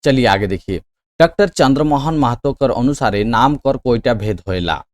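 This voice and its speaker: A man leads an exam-prep quiz lesson at a middle pitch. He reads each question out slowly and loudly. Then he urges his students to answer quickly, checking again and again that they follow. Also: animated. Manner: frequent "theek hai" checks. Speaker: exam coaching teacher.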